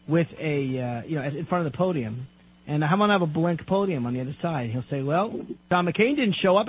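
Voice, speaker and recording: A man's voice: a little high, husky. A man hosting a political talk radio show, talking emphatically and firing off rhetorical questions. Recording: tinny lo-fi radio audio.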